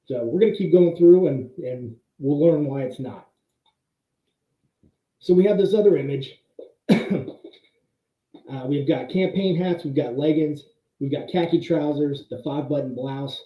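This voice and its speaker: Guy hosting a slide talk, low sample rate tinny audio, echoey empty room. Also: a little slow, long pauses. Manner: conversational, explaining step by step. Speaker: host presenting a monthly history talk. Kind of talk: casual slide-show presentation. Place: pretty much empty room.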